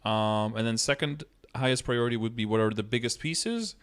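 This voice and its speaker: A game streamer in his thirties talks at a moderate pace in a clear, resonant, medium-pitched voice that's a bit bright. He's casually walking viewers through steps in a live tutorial and answering chat questions. He's indoors at his streaming setup, speaking close to the mic.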